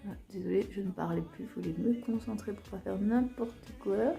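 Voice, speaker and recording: A woman's voice: mid-range voice, moderate pace, vocal fry, warm tone, reverberant, soft background music. A woman with an Alsatian accent chatting casually through a makeup tutorial, talking while she applies her makeup, with lots of fillers. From Alsace, France. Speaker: beauty vlogger.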